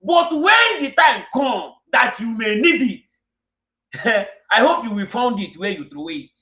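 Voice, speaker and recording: A man with a Nigerian Igbo English accent, a self-styled king, delivers a fiery, angry monologue scolding his followers. His voice is very high-pitched and bright, swinging widely in pitch, forceful yet measured in pace, and the room is reverberant.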